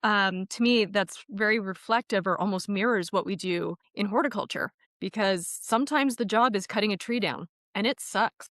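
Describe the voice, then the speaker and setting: A woman hosting a podcast interview, speaking in a warm, affirming, conversational way. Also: medium pitch, normal speed, hardly any pauses, dry recording, clean studio sound. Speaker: podcast host. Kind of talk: casual interview chat.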